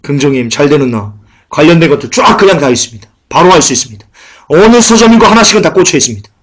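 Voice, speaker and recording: Dramatic male preacher, somewhat high voice. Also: expressive, fast talker. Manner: dramatic, swinging from emphatic bursts to hushed lament. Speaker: pastor. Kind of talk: sermon.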